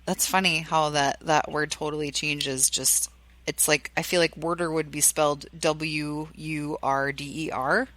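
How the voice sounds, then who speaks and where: A woman co-hosting a podcast in casual chat, chatty and quick to crude jokes. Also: low-pitched, fairly even intonation, a bit bright, no room sound. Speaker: podcast co-host.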